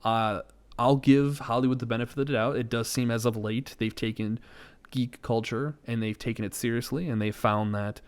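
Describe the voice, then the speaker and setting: A podcast co-host rambles casually through pop culture topics, opinionated and prone to sarcastic jokes. His voice is medium-pitched, clear and resonant, with fairly even intonation and a normal pace.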